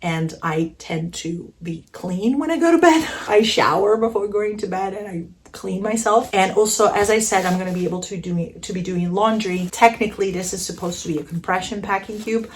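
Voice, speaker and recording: A woman's voice: mid-range voice, normal speed, few pauses, a little hiss or hum. A woman narrating a casual packing vlog in a chatty, enthusiastic way, with playful self-aware humor. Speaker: vlogger.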